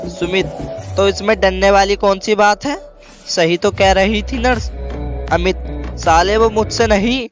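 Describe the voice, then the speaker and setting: High-pitched man telling brisk jokes. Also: steady tone. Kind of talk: telling jokes over music. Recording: loud background music.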